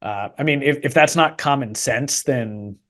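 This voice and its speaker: A man's voice: mid-range voice, measured pace, a bit bright. A man co-hosting a business podcast, talking in a dry, sarcastic way with some hesitant restarts. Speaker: podcast co-host. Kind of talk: casual podcast chat.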